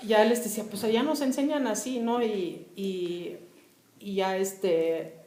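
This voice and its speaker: Unhurried and steady, with a dark tone at medium pitch, a young German-born writer, a native German speaker, tells stories as a guest at a public discussion, chatty, laughing and using many fillers. The room at the gathering sounds roomy and echoey, with slight background noise.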